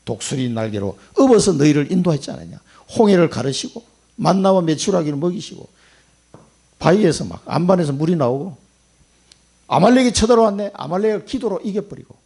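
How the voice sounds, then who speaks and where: A male pastor delivers a dramatic sermon in a high, gravelly and husky voice. His pitch leaps around constantly as he acts out quoted voices, swinging from loud bursts to hushed asides.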